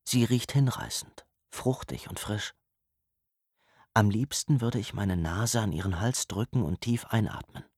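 A man reading first-person audiobook narration in a low, intimate, restrained way, with a husky voice. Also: a little mellow, no echo, clean studio sound.

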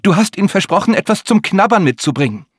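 A man's voice: high-pitched, big pitch swings, fast, husky, dry recording, studio quality, voice pushed up, heavily acted. A man voicing a frantic woman in danger. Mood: anxious. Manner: frantic, shouting. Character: frightened woman trying to save schoolchildren.

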